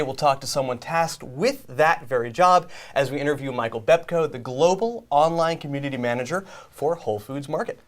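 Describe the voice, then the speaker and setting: A man co-hosting a live web broadcast on social media, reading the intro smoothly and then chatting about the news in an upbeat way. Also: on the high side. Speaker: co-host of a social media show.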